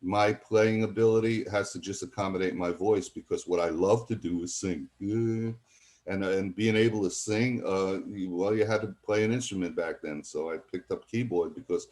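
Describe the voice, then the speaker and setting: With a low pitch, fairly even intonation and a darkish tone, he talks at a moderate pace. He is an older musician from College Point, New York, appearing as a guest in an easygoing interview, rambling through anecdotes and performing other people's words.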